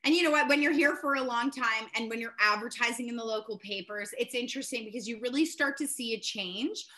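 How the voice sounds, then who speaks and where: A woman's voice: a little high, brisk, bright, forceful tone. A young adult woman, a realtor telling stories with many fillers in a casual podcast conversation. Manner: chatty storyteller with frequent laughs and fillers.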